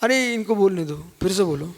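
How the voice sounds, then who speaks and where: High-voiced man lecturing in a reverberant hall. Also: expressive, fairly quick. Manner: questioning, prodding listeners to answer. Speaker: Jain monk teaching scripture. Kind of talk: live scripture lecture with questions to listeners.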